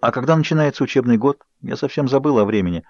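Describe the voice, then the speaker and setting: A man's voice: medium pitch, racing, a little mellow, dry recording, close to an everyday voice. Bella, a man voicing a tearful young woman. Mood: tender. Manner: pleading, tearful. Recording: dull, dry studio audio.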